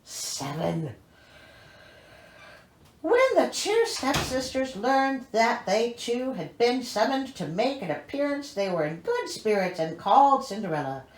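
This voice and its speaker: A little high and very animated, her voice proceeds at a measured pace as she reads a fairy tale with theatrical delivery and scornful, disbelieving jokes. There's slight background noise, and the room echoes.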